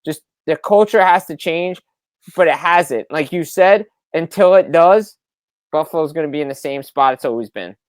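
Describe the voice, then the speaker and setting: A man's voice: a little high, moderate pace, clean tone, no room sound. A man hosting a casual sports talk podcast who speaks emphatically and hammers his points home by repeating them. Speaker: podcast host.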